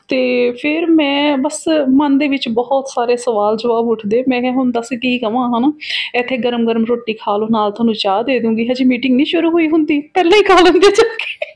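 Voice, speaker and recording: A middle-aged woman tells everyday stories in an animated, chatty vlog voice-over, often adding tag questions. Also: high voice. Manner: animated storytelling with repeated tag questions and quoted exchanges. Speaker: home vlogger.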